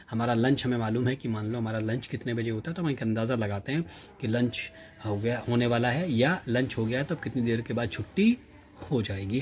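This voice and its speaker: A man with an Indian accent explaining an English lesson in Hindi, reading English lines slowly and then explaining each one. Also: mid-range voice, slight background noise. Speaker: teacher.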